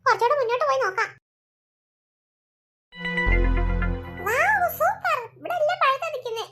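A woman's voice: extremely high pitch, lively intonation, racing, over loud music. A stubborn little cartoon boy. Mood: excited. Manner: frightened wailing. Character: young boy, greedy and stubborn. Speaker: cartoon character.

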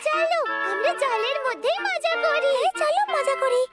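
A performer voicing a playful, easily excited little schoolgirl in a cartoon dub, with loud children's music behind. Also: extremely high pitch, normal speed. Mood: curious, playful.

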